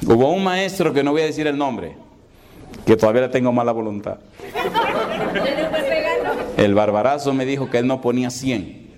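Animated preacher man telling stories. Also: medium pitch, crowd noise, noisy background. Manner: animated storyteller who acts out dialogue, then slows to emphatic preaching. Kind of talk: sermon with humorous personal stories.

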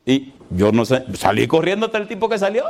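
Animated, laughing middle-aged pastor. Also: male voice, fairly high pitch, brisk, a loud crowd, heavy background noise. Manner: animated, laughing, asks the congregation questions. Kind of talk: storytelling sermon.

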